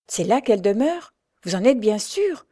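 A woman's voice: mid-range voice, sing-song, warm tone, no room sound, clean studio sound. Woman reading an anguished young woman. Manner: anguished, drawn-out pleading. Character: desperate grieving young woman searching for her sister.

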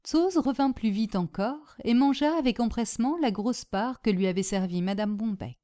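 A woman reading a classic storybook aloud in a calm, steady narration. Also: a little high, moderate pace. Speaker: audiobook reader.

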